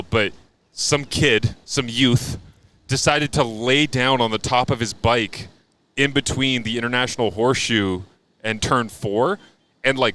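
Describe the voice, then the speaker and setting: Joking man telling lively stories. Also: medium pitch. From Canada. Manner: joking, animated storytelling. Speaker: motorsport commentator and podcast host. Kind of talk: casual podcast chat. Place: outdoor observation deck at a speedway.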